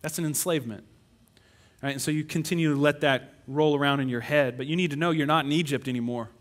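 A middle-aged man preaching a sermon as pastor, animated, breaking into whiny put-on voices when acting out complaints. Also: fairly high pitch, fast talker.

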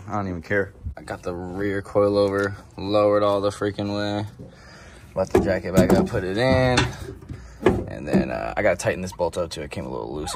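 A young man narrates his car vlog in a low-pitched, laid-back voice, throwing in plenty of slang and swearing. Clear noise from the garage and the road runs behind him the whole time. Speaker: car vlogger.

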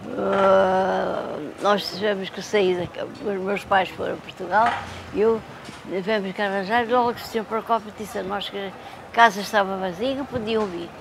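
An older woman telling an animated story in an interview, with halting restarts, recorded in an outdoor courtyard. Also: medium pitch, gravelly. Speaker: former resident. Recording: noisy outdoor ambience.

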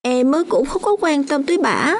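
A young orphan girl in a radio play, her voice pitched high. She speaks with stubborn, hurt insistence. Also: sing-song, moderate pace. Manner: sulky, tearful insistence. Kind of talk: radio drama acting.

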